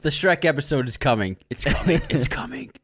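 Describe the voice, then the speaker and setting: A man speaks as a casual co-host with a middle-pitched voice. He banters good-naturedly and often chuckles between phrases. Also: animated, a little fast. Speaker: co-host of a comedy show. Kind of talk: casual chat.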